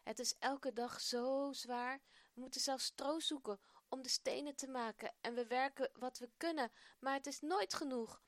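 A woman's voice: high-pitched, unhurried, no room sound, voice pushed up. A woman voicing a weary, devout father who speaks earnestly to his family and pleads in prayer.

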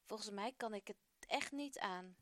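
A woman's voice: medium pitch, moderate pace, fairly bright tone, lightly acted. A woman reading the part of an eager, imaginative young schoolboy who talks earnestly.

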